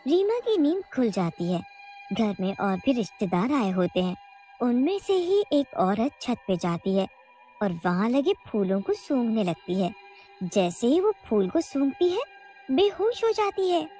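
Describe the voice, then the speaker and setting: A woman narrating a cartoon horror story in a measured, even storytelling voice. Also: a little high, soft background music. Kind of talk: scripted narration.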